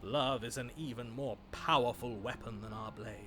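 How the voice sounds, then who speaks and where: A man's voice: mid-range voice, steady tone, moderate pace, natural voice. An actor playing a gallant, lovesick male romantic in a game, with florid, theatrical, swooning delivery. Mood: proud, gallant. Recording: music behind the voice.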